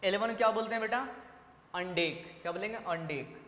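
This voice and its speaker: High-voiced man teaching in an echoey classroom. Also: brisk, fairly bright tone. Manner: repeats questions to students and answers them. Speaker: chemistry teacher. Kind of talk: classroom lecture. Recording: echoey classroom with faint ambience.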